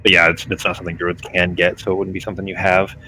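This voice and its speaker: A man's voice: low voice, completely flat delivery, fast talker, sharp tone, a little hiss or hum, poor audio. A man speaking as game master, casually explaining the rules of a tabletop game.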